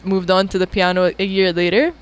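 A young woman from Jordan is a guest on a studio radio show. Her voice is smooth and clear, and she talks in a relaxed, casual way, often saying "like.". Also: lowish voice, a little fast. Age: young adult. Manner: relaxed, laughing, casual with many "like"s. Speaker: guest musician.

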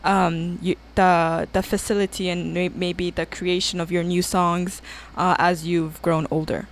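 A woman's voice: fairly low pitch, flat delivery, unhurried, slight background noise. A woman hosting a radio show, chatting eagerly with plenty of fillers and restarts. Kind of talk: casual radio interview. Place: radio studio.

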